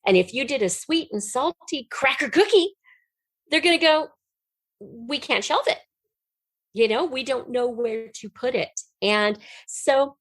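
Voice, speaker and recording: A middle-aged woman who writes audio drama is the guest in an interview, and she tells her stories in an emphatic, candid, chatty way, laughing easily. Her voice sits high and has a creaky quality. There is no room sound on the recording.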